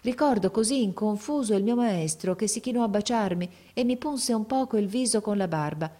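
A woman reading a classic novel aloud as audiobook narration, gently and in measured phrases. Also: mid-range voice, lively intonation.

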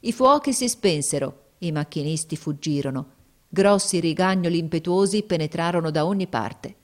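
Woman narrator, storybook reading, steady and measured, lowish voice.

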